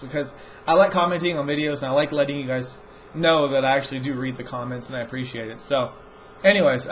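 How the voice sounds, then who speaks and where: A man's voice: on the high side, muffled recording, slight background noise. A man hosting a movie review show, talking in a casual rambling monologue and often stumbling and restarting his sentences.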